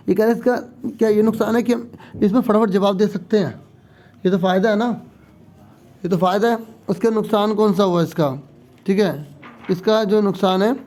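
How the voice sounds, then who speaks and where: High-voiced male teacher, patient. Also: dark tone. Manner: explanatory, repeats "theek hai", reads English questions slowly then explains. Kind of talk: exam-prep lesson, explaining a sample paper.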